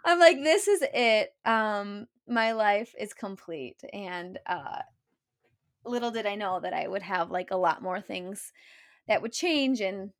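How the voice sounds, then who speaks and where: A young woman, a podcast guest, retelling her story in a casual, animated way, acting out what others said, with many fillers. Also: medium pitch, measured pace, no room sound, clean studio sound. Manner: animated retelling with many likes and quoted voices.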